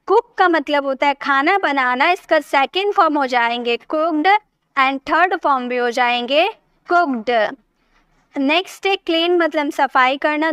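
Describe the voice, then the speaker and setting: A woman with a high, bright voice gives an English grammar lesson. She goes slowly and patiently, repeats herself and keeps checking that her students understand. The sound is dry and close, with no room echo. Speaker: English teacher.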